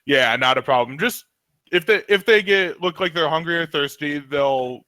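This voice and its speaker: A man's voice: a little high, normal speed, sharp tone, dry recording. A man taking part as a player in a tabletop role-playing game, talking upbeat with stumbling starts.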